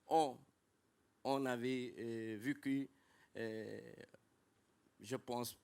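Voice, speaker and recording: A man from Italy with a foreign accent speaks broken, non-native French, making halting, emphatic impromptu remarks as an audience member at a conference. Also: mid-range voice, steady tone, vocal fry, a little mellow, smooth. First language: not French. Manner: halting, emphatic on key words.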